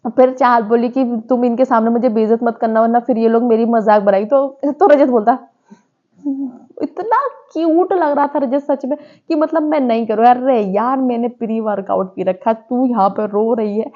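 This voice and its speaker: A woman's voice: fairly high pitch, normal speed, highs cut off. A woman chatting casually as she reviews a reality show episode, retelling scenes by quoting what the contestants said.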